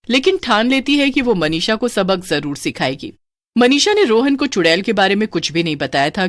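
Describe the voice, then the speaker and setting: A woman narrating a scripted horror story in an expressive, animated voice. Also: medium pitch, dry recording, clean studio sound.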